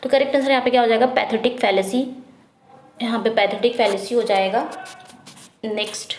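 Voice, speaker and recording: A woman teaching an English exam prep lesson, reading questions slowly and explaining quickly in Hindi, asking and answering herself. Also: on the high side, steady tone, a little mellow, echoey room, a little hiss or hum. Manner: repetitive drilling, asks then answers herself.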